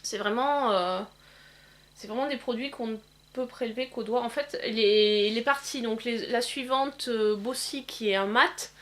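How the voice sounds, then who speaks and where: A woman demonstrating eyeshadow swatches in a casual vlog, pausing often with fillers. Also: on the high side. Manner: hesitant, many filler pauses. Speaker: beauty vlogger. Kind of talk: casual makeup swatch demo.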